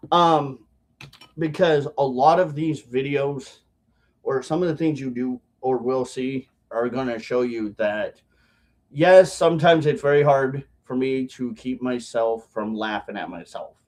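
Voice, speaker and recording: A man vlogging casually to his viewers in a halting, rambling way, talking with chewing tobacco packed in his lip. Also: medium pitch, a little mellow. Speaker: video blogger.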